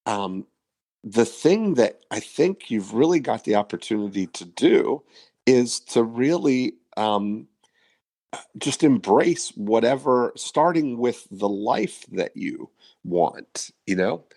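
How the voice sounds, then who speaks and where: A man's voice: medium pitch, lively intonation, slow pace, darkish tone. A man in his fifties hosting a podcast, talking in a reflective, rambling way with many fillers. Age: 50s. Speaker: podcast host. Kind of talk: casual interview chat.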